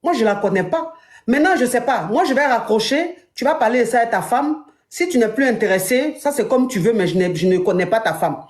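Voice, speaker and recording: High-voiced woman coach in a roomy echo. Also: fairly quick. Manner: animated, acts out dialogue. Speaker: relationship coach host. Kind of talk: casual advice talk.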